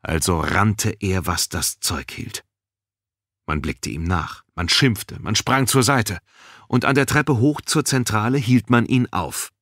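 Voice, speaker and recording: A man reading a fantasy audiobook in a lively, expressive way. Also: fairly low pitch, takes it slowly, dry recording, clean studio sound. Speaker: audiobook narrator. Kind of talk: scripted audiobook narration.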